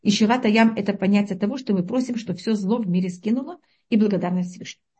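A woman from Uzbekistan gives a religious lesson, explaining things slowly, hunting for words, and putting questions to her listeners. Her voice is medium in pitch, with a dark tone and a breathy edge.

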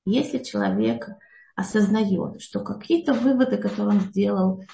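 A woman with a gravelly, mellow voice explains a psychology idea to an audience. She often pauses to check in with a questioning "yes?". The sound is roomy and echoey. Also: medium pitch. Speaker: psychology speaker.

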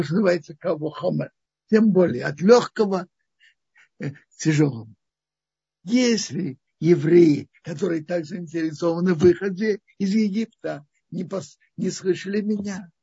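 This man's voice is very husky and gravelly, a touch high, and dark in tone as he teaches the week's Torah portion. His delivery halts, restarting phrases as he thinks aloud, and the recording is dull and lo-fi.

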